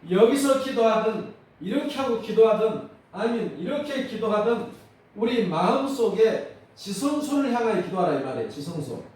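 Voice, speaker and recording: A male pastor with a Jeolla accent preaching a sermon, animated and calling out questions to his congregation. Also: sits high, moderate pace. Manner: animated, calls for congregation responses. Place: church sanctuary. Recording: distant mic in echoey church hall.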